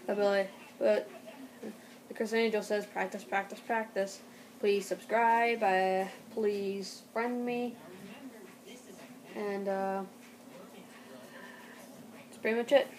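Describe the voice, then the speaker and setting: A young woman giving a casual home tutorial in a halting, rambling way, as an amateur host. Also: medium pitch, a little mellow. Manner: halting, rambling delivery with throat clearing. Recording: noticeable background noise, amateur home recording.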